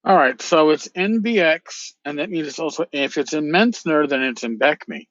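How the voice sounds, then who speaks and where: A man's voice: a little high, moderate pace, fairly bright tone, dry recording, highs cut off. A man hosting a casual solo podcast, musing and rambling as he repeats phrases for emphasis. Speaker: podcast host.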